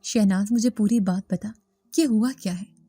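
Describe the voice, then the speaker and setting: A woman's voice: medium pitch, mellow, husky, dry recording, close to an everyday voice. A woman voicing a worried middle-aged husband who scolds and fires off urgent questions in a storybook reading.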